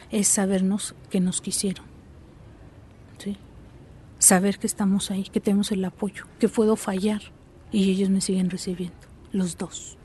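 Soft-toned woman explaining calmly. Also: medium pitch, slight background noise. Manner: reflective, explanatory, tag questions. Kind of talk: interview answers.

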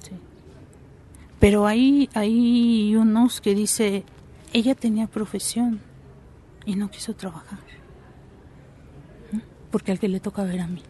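A woman's voice: medium pitch, fairly even intonation, slow pace, long pauses, warm tone, breathy edge. A woman, a psychologist answering interview questions in a reflective, explanatory way, often checking in with short tag questions.

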